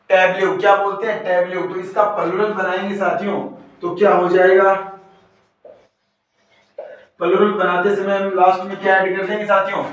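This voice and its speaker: Man teaching in a booming echoey room. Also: fairly bright tone. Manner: repetitive call-and-answer questioning. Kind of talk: exam-prep grammar lesson. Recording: very echoey room, far from mic.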